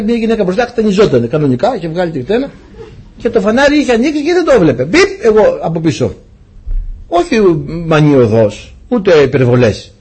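A man's voice: on the high side, a little mellow, husky. A man preaching a sermon to his congregation, telling a personal story with rhetorical questions.

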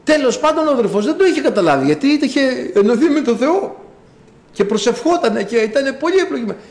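Animated preacher with a high lively voice. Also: male voice. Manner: storytelling, swings between low asides and high cries. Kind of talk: sermon.

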